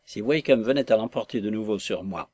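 A man's voice: lowish voice, lively intonation, brisk, darkish tone, husky. A man reading an ailing, irritable old mill owner. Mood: agitated. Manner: short, abrupt and agitated. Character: older male mill owner, ill and confused, quick to anger. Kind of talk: audiobook reading.

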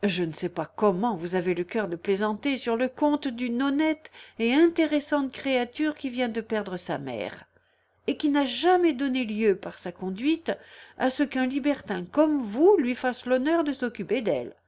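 An earnest village priest, as a woman reader puts him on, reproachful and indignant. He speaks a little higher than her usual reading voice. It is read from a storybook. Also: expressive, unhurried, darkish tone.

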